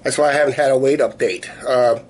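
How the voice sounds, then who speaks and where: A man in his fifties chatting casually to camera in a rambling, halting way, his voice weak and sore after illness. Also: mid-range voice, fairly even intonation. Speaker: vlogger. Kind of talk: casual video diary chat. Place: small living room, indoors. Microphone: camera at arm's length. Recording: noisy room ambience on camera mic.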